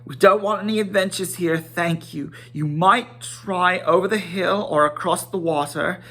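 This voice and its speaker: A man voicing a fussy, flustered, excitable little hobbit gentleman in a storybook reading, polite, rambling and full of exclamations. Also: high-pitched, normal speed, voice pushed up. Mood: dismissive.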